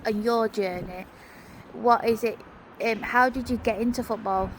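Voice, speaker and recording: A woman's voice: fairly high pitch, fairly even intonation, a little slow, poor audio. A woman interviewer asking short post-match questions outdoors at a football match. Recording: windy outdoor recording, faint noise.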